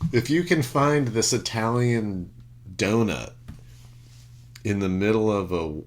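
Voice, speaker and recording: A man's voice: sits low, fairly bright tone, slight background noise. A man co-hosting an unscripted podcast, rambling and ranting with frequent fillers and the odd curse word. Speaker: podcast co-host. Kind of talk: unscripted casual chat.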